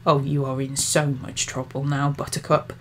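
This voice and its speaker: A woman's voice: mid-range voice, normal speed, fairly bright tone, natural voice. Woman reading as a mocking demon guy, thin spiteful voice, sing-songy taunts. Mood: menacing. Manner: taunting, sing-song mockery.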